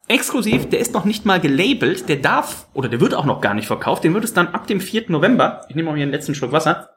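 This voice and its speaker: A man hosting a casual podcast, telling rambling, animated stories. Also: sits high, a little hiss or hum. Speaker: podcast host. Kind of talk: casual chat.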